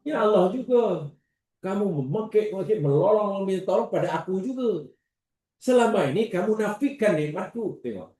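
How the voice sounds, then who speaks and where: A man with a Malaysian Malay accent teaching a religious class, lively, acting out examples and questioning his students. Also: high voice, moderate pace. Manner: questions the class and repeats their answers. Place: classroom or prayer hall. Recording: roomy echo, distant mic.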